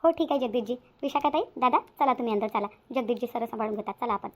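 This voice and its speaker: A woman's voice: fairly high pitch, fast, natural voice. A woman voicing an anxious, fussy young wife, talking urgently. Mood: worried. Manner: fretful, urgent.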